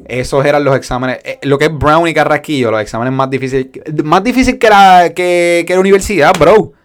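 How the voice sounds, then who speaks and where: A young Puerto Rican man co-hosting a casual podcast chat, telling stories in a lively way, acting out quotes and swearing freely. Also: on the high side, brisk, clear, resonant tone. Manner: animated storytelling with acted-out quotes, heavy slang and swearing. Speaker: podcast co-host.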